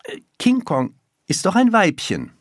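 A reader doing a young schoolboy in a children's story, patient yet exasperated, pleading with urgency. His voice sits a little higher than the narration and shifts a lot. The sound is dry and close. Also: wildly swooping pitch, a little slow, dry recording. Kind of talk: storybook reading.

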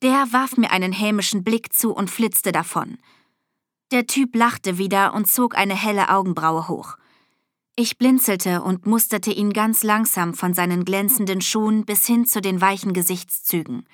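A woman reads a first-person novel aloud with lively energy, jumping to high, agitated pitch when her heroine speaks. Her voice is close to the mic in a dead, dry booth with no echo. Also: normal speed. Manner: lively, with high, excited outbursts in dialogue. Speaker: audiobook narrator.

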